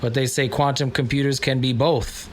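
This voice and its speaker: A man leads a casual philosophy chat, musing aloud and groping for words with a joking edge. His voice sits at an ordinary middle pitch. A faint hum of room noise runs underneath. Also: fairly even intonation, moderate pace. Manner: musing, searching for words, jokey. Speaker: podcast host.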